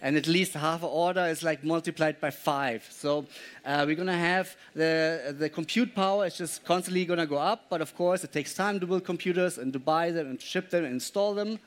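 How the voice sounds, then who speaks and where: Smooth-voiced, hesitant male presenter. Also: a little high, a little fast. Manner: relaxed, hesitant, lots of filler words. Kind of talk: lecture presentation.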